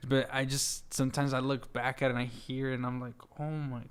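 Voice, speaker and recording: A man's voice: mid-range voice, level tone, brisk, crowd noise. A man of about twenty, from Juarez, Mexico, a guest musician chatting loosely in an interview, with many fillers and restarts. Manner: rambling, laughs easily, many fillers and restarts. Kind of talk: casual interview chat.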